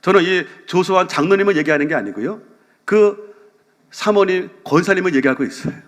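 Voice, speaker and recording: A male senior pastor with a Gyeongsang Korean accent preaching a sermon, telling a story with lively questions to the congregation. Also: high-pitched, brisk. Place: church sanctuary. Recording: reverberant church hall.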